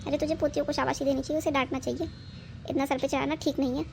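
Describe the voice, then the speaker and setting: A woman's voice: high voice, flat delivery, very fast, creaky, darkish tone. A woman playing a stern, sensible old grandmother who scolds and lectures. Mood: scolding. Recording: noisy background.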